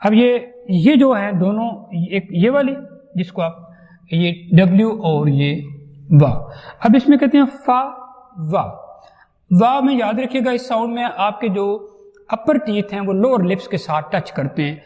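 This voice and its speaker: High-voiced man teaching phonetics, echoey hall. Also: animated, mellow. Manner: explains patiently, sounding out each sound slowly. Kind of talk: classroom lecture.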